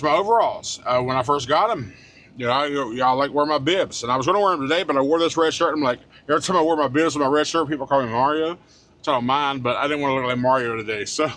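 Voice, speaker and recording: A middle-aged trucker vlogger talks casually to the camera from his cab, rambling with lots of restarts and fillers and occasionally swearing in a blunt way. His voice is medium in pitch and fairly bright. It's recorded on a small handheld camera.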